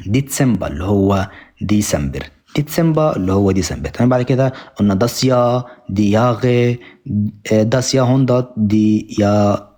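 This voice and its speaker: A young man with an Egyptian accent runs a live German lesson, drilling each word several times in a row. His voice sits low and a little husky. He talks quickly and keeps breaking off to thank viewers. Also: mellow. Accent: Egyptian Arabic. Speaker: German teacher. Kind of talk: live-stream language lesson.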